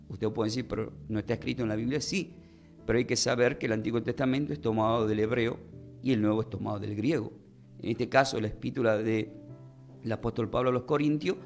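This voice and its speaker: A man teaching a Bible lesson in a sermon style. He speaks slowly and deliberately, spells out words and often asks the listeners questions. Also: medium pitch, vocal fry.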